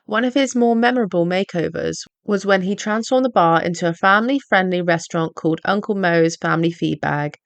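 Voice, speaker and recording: A woman, reading a scripted video essay narration in a measured, explanatory way. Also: lowish voice, dry recording.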